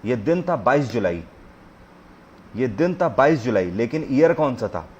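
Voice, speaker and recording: A man teaching a live online quiz class, reading each question out slowly, then explaining it and pressing viewers to answer, mixing English terms into his Hindi. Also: mid-range voice, sing-song, a little mellow, muffled recording.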